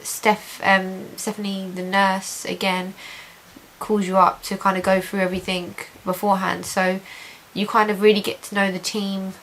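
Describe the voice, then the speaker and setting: Speaking at normal speed with a level tone, a woman's medium-pitched, fairly bright voice delivers a casual chat to camera for her video diary. She sounds positive and reassured, chatty and prone to repeating intensifiers, on a hissy home recording with poor audio.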